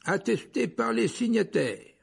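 A man's voice: high voice, animated, unhurried, vocal fry, husky, pitched above the performer's own voice, heavily acted. A man voicing a pompous male minister formally reading out a sentence in an audiobook.

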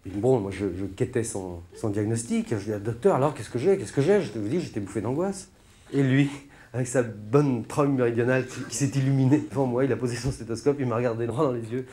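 A man's voice: mid-range voice, a little fast, warm tone. A man performing a stand-up monologue on stage, rambling through sardonic, mock-indignant asides. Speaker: stand-up comedian. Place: stage before a laughing audience.

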